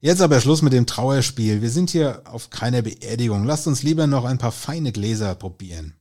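A man voicing a cheerful younger male friend who talks in a lively way. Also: medium pitch, moderate pace, natural voice.

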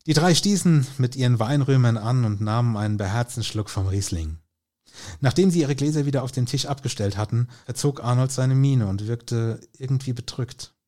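A man narrating a crime story in an even, storytelling manner. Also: mid-range voice, moderate pace. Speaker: audiobook narrator. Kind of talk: scripted narration.

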